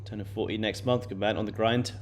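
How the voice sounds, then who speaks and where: A fast talker with a lowish voice and fairly even intonation, this man in his late twenties hosts a day-trading stream and answers viewers in casual chat, heavy on fillers and repetition. Slight background noise is audible.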